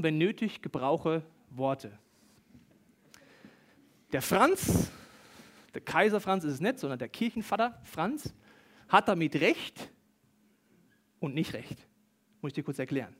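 A man preaching a sermon in a church service, speaking conversationally and addressing the listener directly, on a handheld microphone. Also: on the high side.

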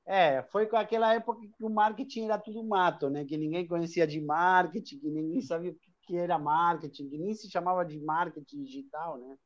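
Brisk and barely pausing, this slightly high male voice comes through with the highs cut off. He's a Spanish-speaking hostel chain owner from Argentina, accented accordingly, appearing as a talkative guest in a live online interview and full of restarts and tag questions.

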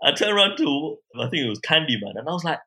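A man from Croydon with a south London accent, chatting casually and telling anecdotes in an animated, slangy way. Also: a little high, fast. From Croydon, south London, England. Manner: animated slangy storytelling with tag questions like innit and yeah.

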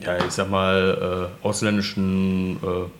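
A man with a fairly low voice chatting casually among friends. He tells stories from work at an easy pace. He often pauses on fillers before going on. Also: completely flat delivery, slight background noise. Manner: hesitant, many fillers, acts out callers' voices. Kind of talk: casual chat.

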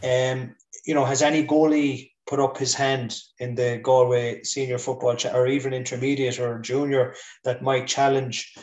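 A man with a west of Ireland accent talking sport casually as a pundit, halting and thinking aloud. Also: medium pitch, level tone, darkish tone. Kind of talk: casual Gaelic football discussion. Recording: roomy echo, distant from mic.

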